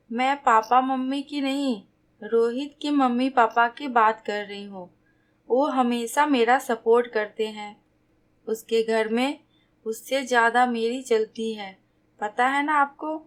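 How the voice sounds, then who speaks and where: A woman voicing a spirited, stubborn young woman about to marry, emotional and pouting. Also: on the high side.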